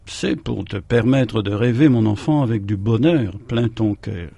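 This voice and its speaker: Gentle mother soothing her child, read by a man, dark, creaky and slow. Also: lowish voice, full character voice. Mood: tender. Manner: soft, reassuring.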